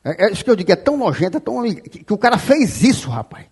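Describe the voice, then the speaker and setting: A pastor preaching a fiery sermon, shouting and scolding the congregation, often calling them "rapaz". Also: male voice, high-pitched, big pitch swings, quick pace, husky. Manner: quotes scripture aloud.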